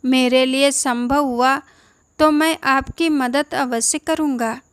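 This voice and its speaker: A kind-hearted young village thief who talks politely and plainly to an old man, as a woman reading the tale puts him on. The delivery is slow and unhurried. It sounds crisp, close and dry. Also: high voice, fairly even intonation, a bit bright, no echo.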